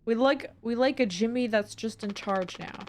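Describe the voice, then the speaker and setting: Excitable young woman streaming a game. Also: fairly high pitch, normal speed. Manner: excitable, swears freely, reads game text aloud. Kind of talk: casual let's-play commentary.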